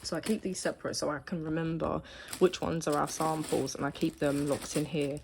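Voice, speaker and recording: A woman's voice: low voice, level tone, a little fast, vocal fry, darkish tone, slight background noise. A woman who runs a small business, chatting casually through her stock with many fillers and sounding a little out of breath. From United Kingdom. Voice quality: filler-heavy, chatty, thinking aloud. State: slightly out of breath. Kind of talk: casual vlog walkthrough.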